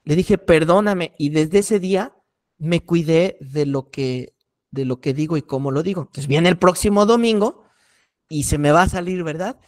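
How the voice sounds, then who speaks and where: Middle-aged man, pastor teaching a sermon workshop, fairly high voice, repeats warnings. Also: normal speed, a little mellow. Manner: earnest, repeats key warnings for emphasis. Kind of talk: preaching workshop lecture.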